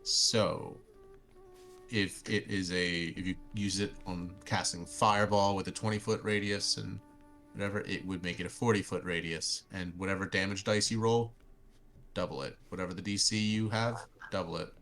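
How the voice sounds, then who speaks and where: A very low-voiced man with a strongly creaky edge acts as game master. He improvises his narration haltingly, thinking aloud, in a bright, forceful tone. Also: fairly even intonation, soft background music.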